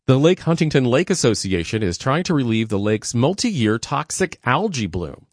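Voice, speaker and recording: A man's voice: mid-range voice, sing-song, moderate pace, no room sound, clean studio sound. A man with an American accent hosting local radio, reading scripted introductions and asking interview questions.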